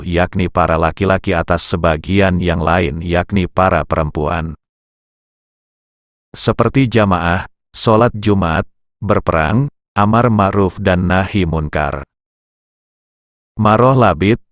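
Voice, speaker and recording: A man narrating Islamic history, reading translated passages in a measured, steady way and citing his sources. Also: deep voice, no room sound. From Indonesia. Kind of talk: reading translated texts aloud.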